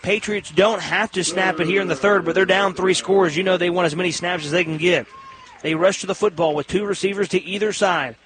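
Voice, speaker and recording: An American man calls live football play-by-play on radio, excitable and emphatic with clipped phrases. His voice is high-pitched and his pace brisk.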